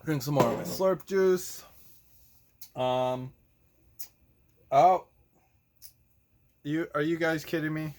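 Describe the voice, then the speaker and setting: A man with a somewhat high, slightly mellow voice speaks slowly and pauses often. As a children's show host and teacher, he casually shows toys to kids, playing it goofy and theatrical with silly exclamations.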